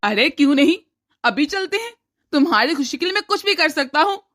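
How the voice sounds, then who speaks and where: A woman voicing a caring, agreeable young husband in a cartoon story, speaking in a gentle, reassuring way. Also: high voice, expressive, brisk. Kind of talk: cartoon voice acting.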